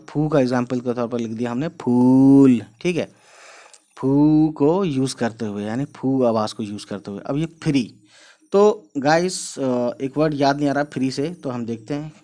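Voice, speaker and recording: A man's voice: mid-range voice, dark tone. A man teaching how to write letters and words in a casual online lesson, chatting along as he writes, often repeating filler phrases to his viewers. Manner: chatty, repeats "you know" and "guys", explains while writing. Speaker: Urdu script teacher.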